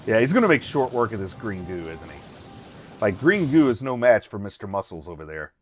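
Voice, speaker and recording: A man's voice: on the low side, sing-song, fairly quick, faint music behind. A middle-aged man giving casual, jokey running reaction commentary as host, chuckling and exclaiming as he goes.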